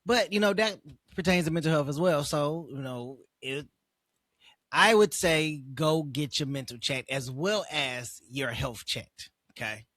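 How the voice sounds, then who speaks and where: A man's voice: a little high, measured pace, fairly bright tone, no room sound, studio quality. A man hosting a reaction video, commenting casually and emphatically in slangy, repetitive bursts.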